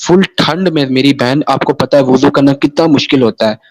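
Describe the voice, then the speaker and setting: A man's voice: medium pitch, a little fast, rough recording. A man from Pakistan, telling his personal story in an interview in a rambling way, often repeating the same tag phrases. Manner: rambling, keeps repeating "sahi hai na" and restarting phrases. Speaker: interview guest.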